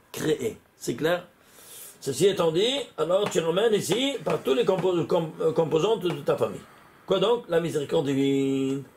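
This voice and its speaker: A rabbi giving a religious lesson, animated, quizzing his listeners with rhetorical questions and often restarting and repeating words. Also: high-pitched.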